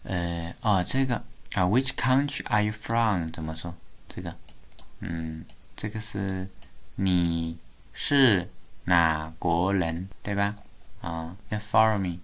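A woman teaching a live one-on-one Chinese lesson over a video call, patient, repeating words slowly, mixing Chinese and English and laughing often. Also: rumbling low.

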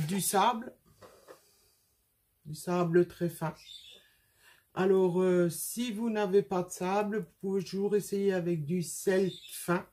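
A woman's voice: on the low side, mellow, slight background noise. A woman hosting a casual craft tutorial from her home workspace, talking in a chatty way with many hesitations.

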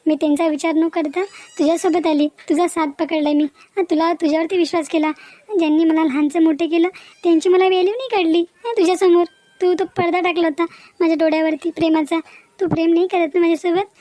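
A woman voicing a high-pitched, upset young village woman. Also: steady tone, fast talker, warm tone, no echo. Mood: hurt. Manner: pleading then demanding, confrontational. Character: young village woman who ran off with her lover. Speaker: cartoon character. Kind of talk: Marathi cartoon voice acting.

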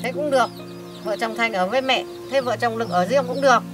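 A woman's voice: on the high side, brisk, over music, close to an everyday voice. A woman playing a bitter scolding widowed mother. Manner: scolding, blunt and coarse. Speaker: mother in family drama. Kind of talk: amateur short-film acting.

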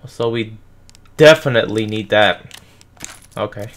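A man's voice: on the low side, measured pace. A man doing casual let's-play commentary, talking to himself and swearing when the game startles him. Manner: animated, swears and yelps at game scares. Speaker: gameplay streamer.

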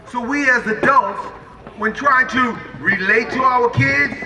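A man's voice: very high-pitched, noisy background. A man, a karate instructor giving a talk to children at a community event. He repeats himself and leads the crowd in call-and-response like a commanding teacher. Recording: distant mic with music behind.

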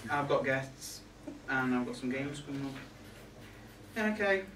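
With a medium-pitched, slightly bright voice, a young man speaks slowly as a catty, resentful reindeer griping about Santa's crew, chatty and arch in mood. His indignant, gossipy monologue includes arch asides to a live pub audience, heard via a far camera amid echo and background noise.

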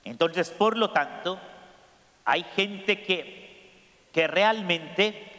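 A priest preaching a sermon, slow and emphatic, putting questions to his congregation. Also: high voice, a bit bright. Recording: echoey church hall.

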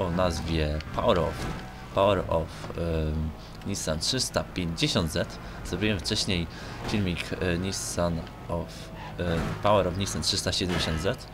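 A young Polish man who makes gaming videos rambles casually and hesitantly in a colloquial way as he plays. He has a deep voice, and the noisy home microphone recording picks up car engine sounds from the game.

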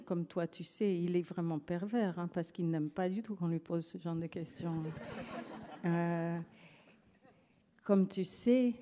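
A woman's voice: on the low side, mellow. A woman writer talking onstage at a live literary evening, reflective and hesitant, with many fillers and restarts. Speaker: guest writer. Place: theatre stage before an audience. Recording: live event audio capture.

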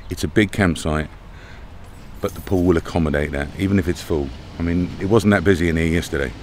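Casually addressing a camera at arm's length, a middle-aged British vlogger talks briskly in a low voice at a campsite. The outdoor recording comes from camera audio and includes background noise.

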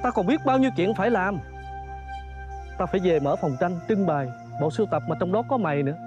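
An actor playing a fussy, high-voiced photographer. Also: male voice, animated, fast talker, highs cut off, over music. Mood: scolding. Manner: coaxing, scolding, exclaims often. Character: kindly, fussy male photographer, grown man. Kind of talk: reformed opera spoken dialogue.

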